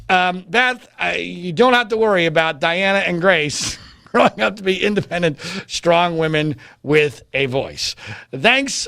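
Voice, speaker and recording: A man's voice: a little high, a bit bright, smooth, dry recording, studio quality. A middle-aged man hosting a podcast, answering listener questions in a wry, rambling way with many filler words. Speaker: podcast host.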